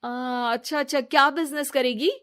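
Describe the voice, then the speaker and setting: A woman's voice: sits high, fairly even intonation, moderate pace, fairly bright tone, pitched above the performer's own voice. A woman voicing a scheming, jealous young woman who talks in a sly, pushy way.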